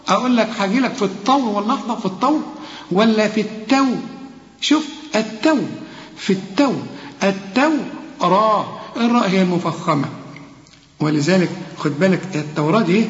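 A man with an Egyptian accent teaching Quran recitation. He coaches a student and slowly repeats words to demonstrate them. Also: sits high. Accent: Egyptian Arabic. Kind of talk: tajweed lesson, one-on-one drilling. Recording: echoey hall, dull lo-fi sound.

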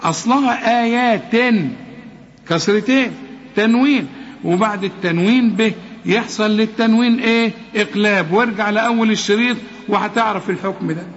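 A man with an Egyptian accent teaching Quran recitation rules, asking and answering his own questions and drawing words out slowly to demonstrate. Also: high voice. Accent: Egyptian Arabic. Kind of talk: tajweed lesson. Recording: reverberant, dull lo-fi recording.

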